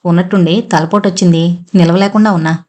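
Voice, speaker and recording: A woman's voice: fairly low pitch, steady tone, quick pace, lightly acted. A woman reading the lines of a playful, affectionate young husband in an audio novel. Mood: feigning. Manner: playful, gently teasing.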